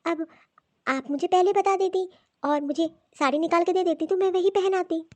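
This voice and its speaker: A put-upon young daughter-in-law, voiced by a woman in a cartoon, pleading and complaining. The voice is pitched very high and sounds dry and close. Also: moderate pace, a little mellow, no echo. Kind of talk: cartoon voice acting.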